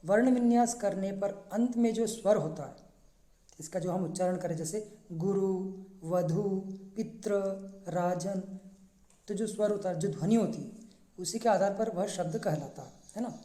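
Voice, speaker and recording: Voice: mid-range voice, moderate pace, warm tone, echoey room. A teacher giving a classroom lesson, patiently breaking words into single letters and sounds. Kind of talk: classroom lesson, spelling out syllables.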